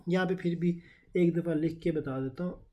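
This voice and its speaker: A man teaching Turkish grammar in Urdu in an online class, explaining rules slowly and asking rhetorical questions. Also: fairly high pitch, fairly even intonation, mellow. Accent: Pakistani Urdu.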